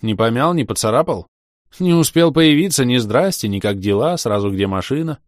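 A man voicing a loud, cheerful and easily offended male friend in an audiobook. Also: mid-range voice, very animated, a little fast, dry recording, studio quality, voice pushed up, natural voice. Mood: indignant. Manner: loud and boisterous. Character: cheery, touchy male buddy on the phone.

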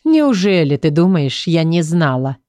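A woman's voice: sits low, very animated, measured pace, mellow, no echo. A woman voicing a stern, commanding older noblewoman who gives curt orders and grumbles.

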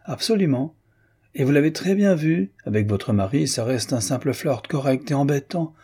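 A man's voice: medium pitch, expressive, moderate pace, dark tone, husky, pitched above the performer's own voice. A man voicing a chatty, teasing aristocratic Parisian woman in an audiobook, with a mocking, gossiping manner. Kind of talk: audiobook reading.

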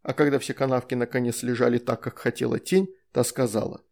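A man narrating an audiobook in a lively, expressive reading. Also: medium pitch, fairly quick, creaky. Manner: lively, performs all character voices. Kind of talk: scripted narration.

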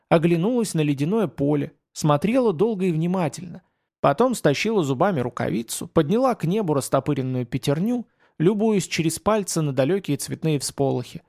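Gravelly male audiobook narrator. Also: on the high side, expressive, fairly quick, a little mellow. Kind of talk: storybook narration.

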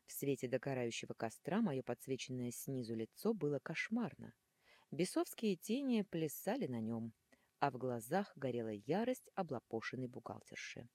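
A woman reading a first-person fantasy audiobook with a husky voice, narrating dramatically and expressively. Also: rumbling low, normal speed, no echo, clean studio sound. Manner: animated, dramatic, shifting into hissing whispers.

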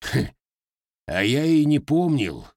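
A man's voice: mid-range voice, sing-song, a little slow, darkish tone, no echo, studio quality, pitched above the performer's own voice. A man voicing a proud, blunt male Cossack blacksmith in an audiobook, curt and contemptuous. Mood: stern.

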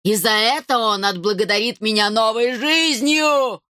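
A woman's voice: on the high side, bright, forceful tone, no echo. Woman doing a gloating undead old crone. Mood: gloating triumph. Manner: slow, hissing and gloating. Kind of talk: audiobook character voice.

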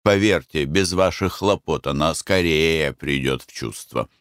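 A man voicing a cool, worldly middle-aged army captain who speaks quietly and calmly. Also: very deep voice, clear, resonant tone, no room sound, studio quality. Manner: quiet, calm, measured.

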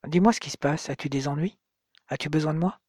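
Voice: mid-range voice, fast, darkish tone, no echo, studio quality, natural voice. A narrator voicing a direct, concerned middle-aged man, the hero's best friend, on the phone. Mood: eager, concerned.

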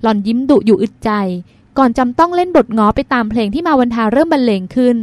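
A woman narrates an audiobook in a smooth, steady reading. Her voice is high, and it is recorded close on the mic. The sound is dry, with no room echo. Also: fast.

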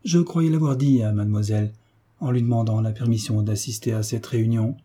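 A man's voice: lowish voice, fairly even intonation, a little fast, warm tone, slightly rough. A man voicing a devoted, fawning governess in an audiobook, fussy and deferential. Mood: flustered. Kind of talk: audiobook character reading.

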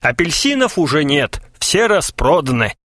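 A man's voice: on the high side, sing-song, moderate pace, a bit bright, dry recording, studio quality. A man voicing a cheeky male newspaper seller with boastful hawker patter in a comic story.

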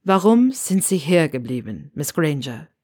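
A woman voicing a stern, cold male professor with a low, clipped, hissing delivery, in a storybook reading. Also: very animated, unhurried, darkish tone, slightly rough, no room sound, studio quality, exaggerated voice.

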